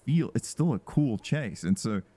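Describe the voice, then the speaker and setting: A man's voice: mid-range voice, lively intonation, moderate pace, warm tone, breathy edge. A man co-hosting a podcast, chatting casually about a film and laughing often. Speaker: podcast co-host. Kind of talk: casual movie review chat.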